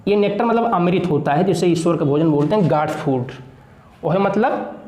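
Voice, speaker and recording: Male teacher, high-pitched voice, exam-prep lecture, asks and answers his own questions, echoey room. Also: normal speed, warm tone. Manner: addresses students as children.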